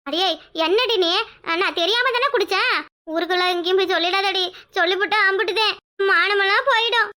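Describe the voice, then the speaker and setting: A woman's voice: very high voice, brisk, sharp tone. A woman voicing a boozy, sly old village grandmother in a cartoon, with a whiny, pleading rustic manner. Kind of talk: cartoon voice acting.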